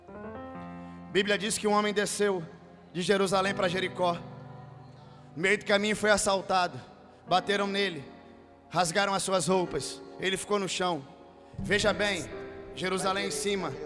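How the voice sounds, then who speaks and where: Brazilian pastor guy preaching in a big hall, echoey, soft music under him. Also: high voice, fairly even intonation, moderate pace, long pauses. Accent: Brazilian Portuguese. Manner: storytelling, rising to shouted half-sung preaching. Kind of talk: sermon. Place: large church hall.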